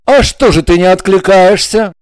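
A hot-tempered young man, as an actor plays him in an audio drama, quick to curse and shout. His voice sits fairly high for a man. The recording is close and dry. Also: dry recording, natural voice. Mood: angry, shouting.

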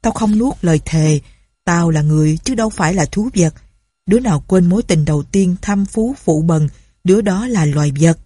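A bitter, drunk young man rants in a low, husky, mellow voice, as a woman narrator puts him on. He sounds harsh and grief-stricken, recorded close and dry. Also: moderate pace, no echo. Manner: slurred drunken ranting.

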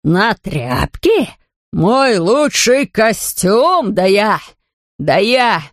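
A woman doing a gruff grumbling old neighbour. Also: deep voice, fairly even intonation, measured pace, dry recording, studio quality, pitched below the performer's own voice, heavily acted. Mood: outraged. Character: grumpy greedy older male neighbour.

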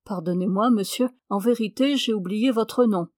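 A woman's voice: medium pitch, normal speed, a little mellow, no room sound, natural voice. A troubled amnesiac man, nervous and pleading, as a woman reads him in an audiobook. The sound is dry and close. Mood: anxious.

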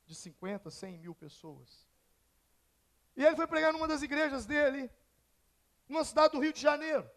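Brazilian male pastor, very high voice, gravelly, church sermon, storytelling, emphatic questions. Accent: Brazilian Portuguese. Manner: storytelling preacher, acting out dialogue, rising to emphatic questions.

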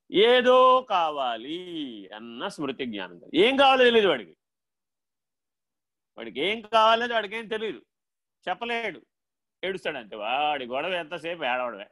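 Guy giving a spiritual talk, kinda high voice, goes loud then real quiet, acts out the back-and-forth himself. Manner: animated, swings between loud questions and low quiet asides; acts out dialogue in his own voice. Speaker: spiritual teacher. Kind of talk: spiritual discourse.

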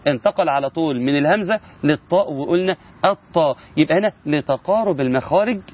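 A man's voice: fairly high pitch, highs cut off. A man with an Egyptian accent, teaching Quran recitation rules in a casual spoken lesson and asking his listeners rhetorical questions. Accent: Egyptian Arabic.

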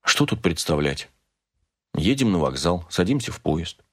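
A man reading the lines of a calm, quiet wife who speaks evenly and matter-of-factly. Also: low voice, measured pace, no room sound, clean studio sound, heavily acted. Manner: quiet, even, matter-of-fact.

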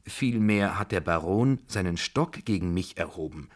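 A man reading aloud and voicing a young tutor who answers calmly and modestly. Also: low-pitched, moderate pace. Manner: calm, modest, polite. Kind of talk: radio drama reading.

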